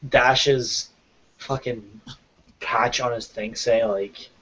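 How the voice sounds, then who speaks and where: A man's voice: medium pitch, steady tone, very slow, fairly bright tone. A man co-hosting a casual review podcast, blunt and swearing, with exasperated asides. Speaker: podcast co-host. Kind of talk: casual wrestling review chat. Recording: dull lo-fi podcast audio.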